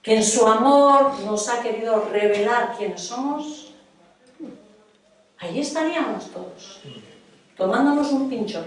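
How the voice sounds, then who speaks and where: A woman's voice: on the high side, measured pace, pauses often, distant mic. Woman preaching in a very echoey hall. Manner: questioning the congregation, emphatic and earnest. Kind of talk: sermon. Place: church hall.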